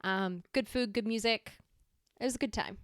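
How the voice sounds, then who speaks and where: A woman's voice: a little high, normal speed, no room sound, studio quality. A woman co-hosting a podcast, talking casually and off the cuff. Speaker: podcast co-host, travel blogger. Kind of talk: casual unscripted podcast chat.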